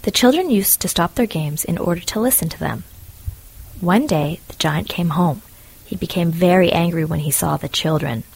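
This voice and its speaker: A woman calmly narrating a fairy tale in a measured storytelling manner. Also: lowish voice, creaky, slightly rough. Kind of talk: storybook reading.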